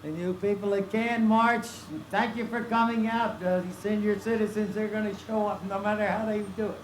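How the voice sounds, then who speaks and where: A man's voice: high voice, little pitch movement, a little fast. A man announcing a town parade outdoors in the rain, folksy and hesitant with many fillers. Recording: noisy outdoor community TV recording.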